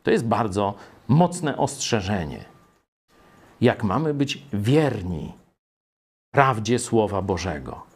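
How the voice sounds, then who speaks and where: A man preaching a sermon, expounding scripture and addressing his listeners directly, climbing high when he reads verses aloud. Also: sing-song, slow, long pauses, husky.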